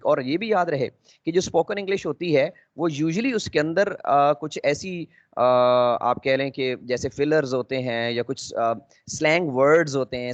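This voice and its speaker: Man teaching in a lo-fi recording. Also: on the high side. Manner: explanatory, mixes English phrases, frequent 'uh' pauses. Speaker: English teacher. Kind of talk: lecture lesson. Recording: dull lo-fi audio.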